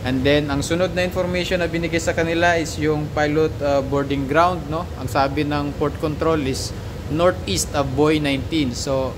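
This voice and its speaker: A man's voice: a little high, fairly even intonation, normal speed, noisy background. A man with a Filipino accent giving a casual, informal vlog-style explanation with frequent check-in tags. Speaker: ship's officer vlogger, instructor.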